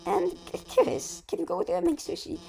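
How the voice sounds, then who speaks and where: A woman's voice: very high voice, very animated, a little fast, gravelly, mellow, faint music behind, pitched above the performer's own voice, exaggerated voice, poor audio. A woman voicing a nervous adult female reptile teacher from a video game, hesitant and stammering. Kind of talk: amateur game dialogue read-aloud.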